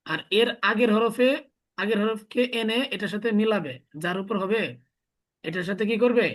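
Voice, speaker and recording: A man's voice: sits high, fairly even intonation, moderate pace, a bit bright. A male teacher gives a classroom lesson. He explains patiently, step by step, and keeps drilling his students with repeated questions.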